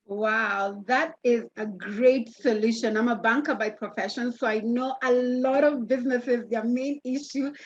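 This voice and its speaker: Breathy woman moderating a panel. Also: a little high, fairly even intonation, a little slow, hardly any pauses, muffled recording. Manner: enthusiastic, affirming, introduces speakers.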